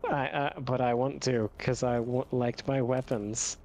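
A man's voice: medium pitch, steady tone, measured pace, darkish tone. A man chatting during a game with a teammate, hesitant with many ums and a dry sense of humor. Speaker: gamer. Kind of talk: casual gaming voice chat.

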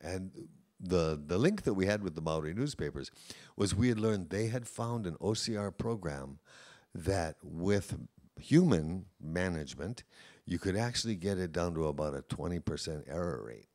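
A man's voice: deep voice, animated, normal speed, darkish tone. A man, a professor of Hawaiian language, giving an informal lecture to a room of teachers in a conversational, anecdotal way, with frequent "you know" asides.

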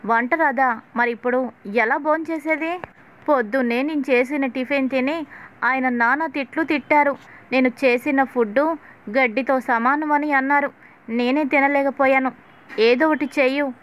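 Brief: shrill scolding mother-in-law, sharp and nagging, read by a woman. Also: steady tone, normal speed. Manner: nagging, rising to agitated scolding.

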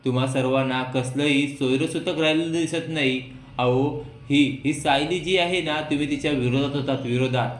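A man voicing a young husband in a family serial retelling, heated and accusing, his voice pushed up and loud. He is recorded in a roomy, echoing space. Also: medium pitch, steady tone, moderate pace, slight background noise, close to an everyday voice. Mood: angry. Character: angry young husband, grieving jailed wife.

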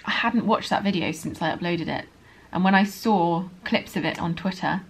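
A woman with a modern received pronunciation accent and a hint of Estuary, an English pronunciation teacher talking quickly and earnestly in a candid vlog. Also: on the low side, slight background noise. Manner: speaks quickly, earnest and apologetic.

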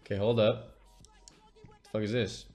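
A man's voice: on the low side, level tone, normal speed, darkish tone, soft background music. A man in his late twenties streaming from a small room at his desk, casually thinking aloud, joking and swearing. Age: late 20s. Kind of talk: casual live-stream commentary.

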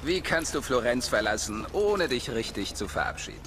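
A man voicing an arrogant, sneering young nobleman villain in a German game dub, taunting in a drawn-out mocking way. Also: medium pitch, lively intonation, noisy background, close to an everyday voice. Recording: game audio with loud music behind.

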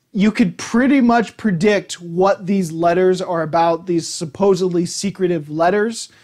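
Man, movie reviewer, casual, high-pitched, blunt, opinionated, swears. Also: a little mellow.

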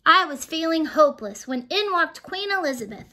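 A woman reading a children's picture book aloud, expressive and animated, with asides to her young listeners. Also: extremely high pitch, moderate pace. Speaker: storybook reader. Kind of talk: children's storybook read-aloud.

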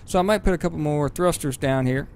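A man giving rambling, casual let's-play commentary on his game, swearing freely and breaking into excited bursts. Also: on the high side, fast talker, slight background noise. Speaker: gaming video host.

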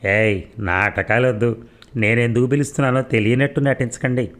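A man's voice: medium pitch, fairly even intonation, moderate pace, a bit bright, close to an everyday voice. A man voicing a brash young woman in a story, teasing and scolding in turn. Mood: mocking.

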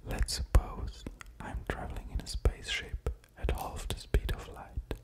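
A man in his thirties giving a whispered ASMR lecture, slow and deliberate, very close to studio microphones at the ear. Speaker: ASMR creator explaining physics. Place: small quiet room at home, indoors. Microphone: pair of studio condenser microphones with pop filters, very close.

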